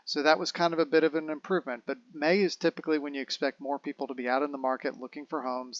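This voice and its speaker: A man's voice: medium pitch, fairly bright tone, dry recording, highs cut off. A man who works as a realtor, giving a casual market update and walking through the figures step by step, correcting himself as he goes. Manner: conversational, explains figures step by step, self-corrects.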